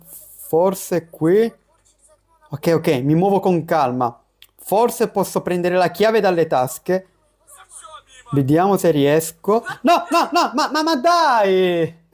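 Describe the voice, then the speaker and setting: Chattering excitedly through a let's-play, this young man's high voice suits his gaming YouTuber style, and he keeps letting out quick panicked yelps.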